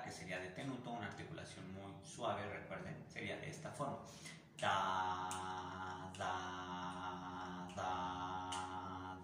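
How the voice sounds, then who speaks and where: A man with a Mexican Spanish accent teaches an online music theory class, explaining patiently and singing syllables to demonstrate articulations. His voice is on the low side with a fairly bright tone. The room is very echoey, with faint noise.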